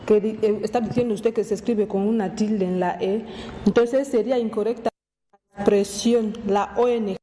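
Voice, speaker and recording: A woman's voice: medium pitch, fairly even intonation, normal speed, warm tone. Hesitant woman co-host, echoey. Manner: asks follow-up questions with hesitations. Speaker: TV co-host reading viewer questions. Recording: echoey studio with faint hiss.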